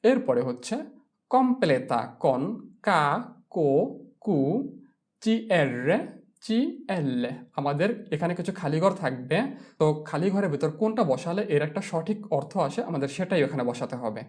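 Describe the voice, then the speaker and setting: A woman's voice: sits low, animated, unhurried, a little mellow. A woman teaching a language lesson, spelling words out syllable by syllable and repeating each word several times. She speaks Bengali with a Bangladeshi accent.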